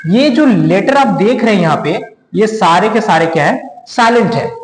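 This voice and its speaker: A man teaching a lesson with a high, very animated voice that keeps asking questions and answering them. The recording is roomy, with a long, echoing reverb. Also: normal speed. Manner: lively and emphatic, asks questions and answers them himself. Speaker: English teacher. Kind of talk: classroom-style lesson. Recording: echoey room with long reverb.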